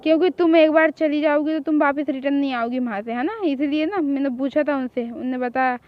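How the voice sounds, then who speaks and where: A woman voicing a smooth-talking young man who teases and coaxes, in a hobby fan drama. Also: sits high, steady tone, a little fast, muffled recording, lightly acted. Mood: teasing. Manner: coaxing, teasing.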